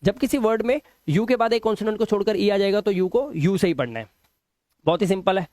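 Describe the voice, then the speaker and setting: A man with a Hindi accent teaching English pronunciation rules in a classroom lesson, reassuring his students and drawing out example words slowly. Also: high-pitched, darkish tone, dry recording, clean studio sound.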